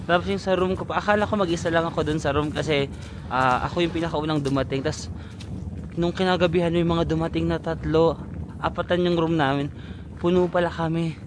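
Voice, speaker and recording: Young guy vlogging outside in the snow, kinda high voice, chatty, laughs a lot, out of breath, faint street noise. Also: steady tone, fairly quick. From Philippines. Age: 20s. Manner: chatty storytelling, often laughing. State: out of breath from the cold. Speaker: travel vlogger. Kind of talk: casual vlog narration. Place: outdoors in a snowy city.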